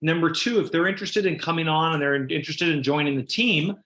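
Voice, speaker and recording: A man's voice: on the high side, fast, fairly bright tone, reverberant. A man giving sales training on a video call, talking casually and repeating himself as he acts out customers.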